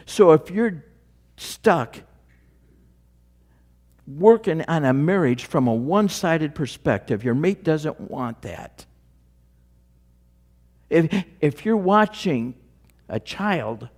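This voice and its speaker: A male pastor delivering a sermon at an unhurried pace. His voice sits a little higher than most men's, and he leans into drama, letting his words sink to a hush. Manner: slow, dramatic preaching that drops to a hush.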